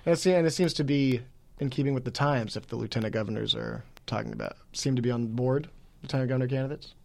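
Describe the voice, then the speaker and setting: Gravelly-voiced man hosting a podcast. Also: mid-range voice, fast talker. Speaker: podcast host. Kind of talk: casual political podcast chat.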